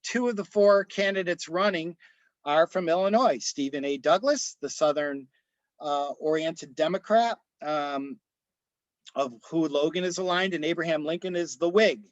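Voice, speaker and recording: A man lectures on history in a storytelling way, stopping often for ums and restarting his sentences. His voice sits a little high. The sound is dry and somewhat dull, like a lo-fi video call microphone. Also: moderate pace, no room sound. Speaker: author and presenter.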